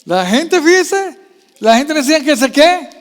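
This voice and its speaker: A man with a strikingly high voice preaches a sermon, constantly quizzing his congregation with questions. He swings between quiet, low asides and loud, raised passages. His voice trails off into a long reverb from the church hall. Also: sing-song, a little slow. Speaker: pastor.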